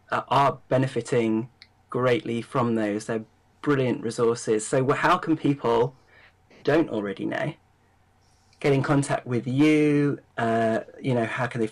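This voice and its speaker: A man's voice: medium pitch, rough recording. A man doing an interview, speaking in a rambling way with many fillers and generous thanks. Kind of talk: casual interview.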